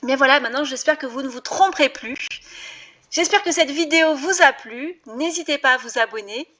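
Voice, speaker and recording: A woman's voice: high voice, fairly quick, pushed and bright. A woman teacher, giving a patient spelling lesson for her video channel and explaining each rule with examples.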